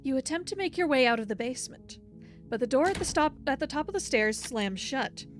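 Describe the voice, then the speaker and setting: Woman as a high-voiced dramatic game narrator. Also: expressive, fairly quick, soft background music. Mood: ominous. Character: stern storybook game narrator, insistent and ominous. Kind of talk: dramatic video game narration read aloud.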